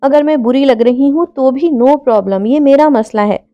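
A woman's voice: high voice, measured pace, muffled recording, faint music behind. A woman voicing a hurt young woman. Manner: pleading, wounded. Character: slight young woman, hurt and tearful fiancée.

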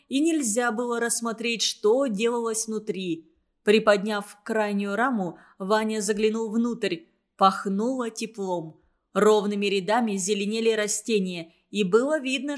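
A woman narrating a children's story in an even, measured reading voice. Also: fairly high pitch.

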